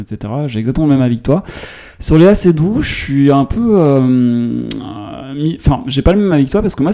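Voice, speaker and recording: A man co-hosting a casual film review chat, blunt and opinionated, often pausing with fillers. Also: mid-range voice, dark tone. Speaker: film podcast co-host.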